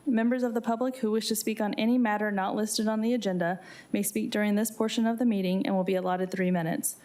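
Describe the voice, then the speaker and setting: With a mid-range, slightly mellow voice, a woman reads out formal announcements from a script in her role as a city clerk. Her delivery is official and procedural.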